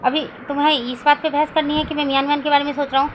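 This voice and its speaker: A woman voicing a sulky, outspoken pregnant young man who grumbles and snaps quickly in a storybook reading. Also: high-pitched, little pitch movement, lo-fi sound, slight background noise, close to an everyday voice. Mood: irritated.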